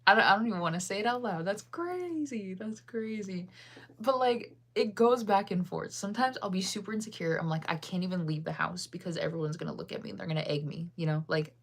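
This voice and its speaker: A woman's voice: on the low side, fast, creaky, hardly any pauses. A young woman from the US, chatting casually on a live stream, laughing often and answering her chat. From United States. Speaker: livestreamer.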